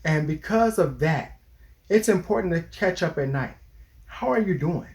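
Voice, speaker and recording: Man, earnest advice-giving, casual, higher pitch. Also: expressive, a little slow, a little mellow. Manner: earnest, lecturing, restarts mid-sentence. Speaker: therapist co-host.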